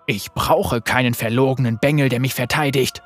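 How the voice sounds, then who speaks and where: A husky-voiced narrator playing a cruel, scarred old male cleric who speaks harshly and proudly. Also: medium pitch, very animated, normal speed, soft background music, voice pushed down. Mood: hissing. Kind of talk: read-aloud storytelling.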